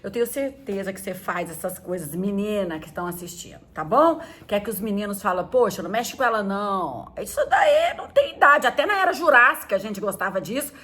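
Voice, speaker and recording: A middle-aged woman pastor chatting with teenagers in a casual, playful way. Her pitch swings widely and her voice moves in a lively way. She keeps slipping into acted-out bits of old scenes. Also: fairly quick, hardly any pauses. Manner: chatty and playful, acting out quotes in high squeaky voices.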